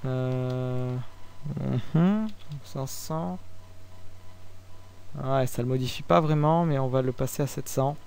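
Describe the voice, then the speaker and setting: Casual, halting young Frenchman explaining software. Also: medium pitch, a little hiss or hum. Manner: halting, many fillers and restarts, relaxed and informal. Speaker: tutorial maker. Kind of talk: casual screen-recorded software tutorial.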